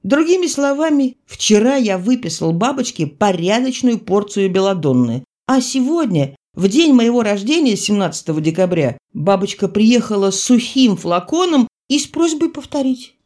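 A woman narrates a literary audiobook. Her voice moves widely and expressively across the pitch range. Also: sing-song, normal speed, few pauses, darkish tone. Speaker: audiobook reader.

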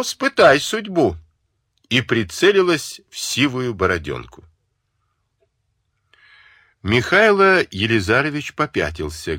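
A man's voice: fairly low pitch, fairly bright tone, dry recording, studio quality. A man narrating a novel as an audiobook in a vivid, dramatic reading.

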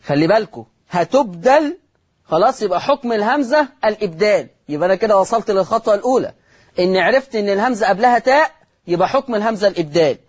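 A man's voice: high voice, expressive, husky. A man with an Egyptian accent teaching Quran recitation rules on television, repeating each rule and answering his own questions. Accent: Egyptian Arabic. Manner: slows to chant example words.

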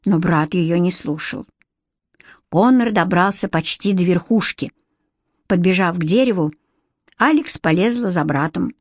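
A woman narrating a children's fantasy audiobook, telling the story clearly and evenly. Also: on the low side, measured pace, long pauses, dry recording, clean studio sound.

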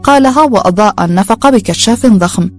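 A woman narrating a story in a calm, steady reading voice. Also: mid-range voice, fairly quick, faint music behind.

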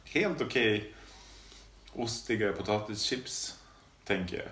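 A man's voice: fairly low pitch, lively intonation, a bit bright. Playful Swedish man, echoey room. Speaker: podcast co-host. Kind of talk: casual chat. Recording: roomy room, rain on window.

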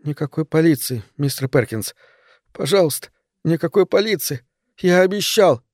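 Man voicing a terrified nine-year-old boy, shaky, pleading, higher than his own voice, dry close sound. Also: moderate pace, dark tone, no echo, natural voice.

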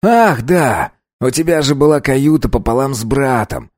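A man performs a brash, self-satisfied young heir who teases and pushes his offers with a smug, playful air. His expressive mid-range voice, at a moderate pace and a little mellow, is pitched above his own yet stays close to an everyday, narrator-like voice. It's dry and close-miked, with no echo.

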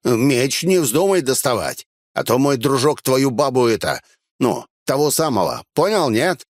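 A man's voice: mid-range voice, sing-song, a little slow, darkish tone, no echo, clean studio sound. A man doing a dim, grumbling bandit sidekick. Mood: menacing. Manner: mumbling folksy slang with fillers. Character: dim-witted male bandit sidekick, crude and wary.

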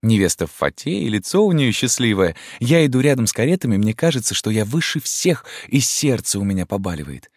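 A man reading an audiobook voices a sad young woman telling a dream, in a soft, wistful manner. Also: fairly low pitch, big pitch swings, fairly quick, hardly any pauses, slightly rough, no room sound, studio quality, pitched above the performer's own voice, heavily acted. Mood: dreamy, wistful.

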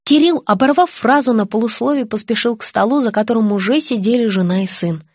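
A woman narrating an audiobook in first person, with lively, ironic storytelling. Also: fairly high pitch, a little fast, dry recording, clean studio sound. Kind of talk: audiobook reading of a comic detective novel.

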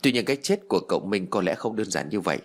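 Horror storybook: a calm, knowing uncle figure, husky voice with lively pitch, read by a male narrator. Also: very fast. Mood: grave. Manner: explaining, gently teasing.

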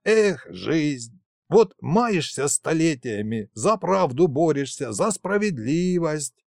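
A sly, fat old trickster spirit who wheedles and whines about his hard lot in folksy speech, as a man puts him on. His pitch leaps up and down, and the audiobook recording is dry and close. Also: sing-song, slow pace, vocal fry, a little mellow, no echo, exaggerated voice. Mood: whining. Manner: self-pitying, wheedling, folksy.

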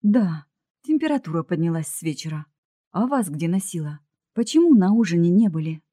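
A grumpy old woman who scolds everyone around her, as a woman reads her part. She sounds gruff and reproachful, with a low, darkish voice. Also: sing-song, normal speed, warm tone, dry recording, studio quality. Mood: grumbling.

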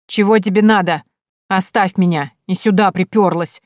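A woman's voice: mid-range voice, moderate pace, darkish tone, no echo, clean studio sound, lightly acted. A woman reading aloud, voicing a big, stubborn young peasant woman who wails and snaps in old-fashioned folksy speech. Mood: resentful.

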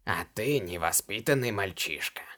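A man voicing a stern, imperious old female shaman in a low, hoarse voice, speaking slowly and curtly in an audiobook. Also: expressive, sharp tone. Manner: slow, curt, menacing.

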